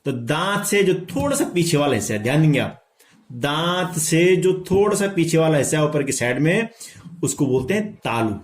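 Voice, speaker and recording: A man teaching a pronunciation lesson to students, saying each sound slowly and repeating it for them to echo. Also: on the high side, expressive. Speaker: Hindi teacher. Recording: echoey room.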